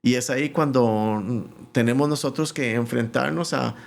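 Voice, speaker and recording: Telling his life story on a podcast, this middle-aged pastor speaks at a moderate pace in a medium-pitched, gravelly voice. His testimony comes alive as he animatedly performs the voices of the people in his anecdotes.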